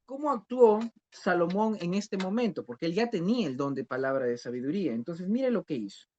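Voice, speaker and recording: A man's voice: high-pitched, animated, a little fast, mellow, a little hiss or hum. A man teaching a discipleship Bible class who questions his students and repeats key phrases. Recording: dull lo-fi recording.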